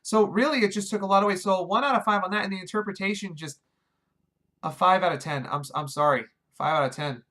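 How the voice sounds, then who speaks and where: Guy doing a film review, pretty high voice, wry and fed up, trips over his words a bit. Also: quick pace, bright, forceful tone. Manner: wry, exasperated, talks over himself with restarts. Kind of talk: casual video review.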